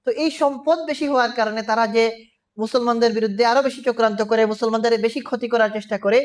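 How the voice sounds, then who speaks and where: Woman teaching scripture commentary, higher voice. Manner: poses rhetorical questions and answers them; stacks repeated parallel phrases. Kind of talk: religious commentary lecture.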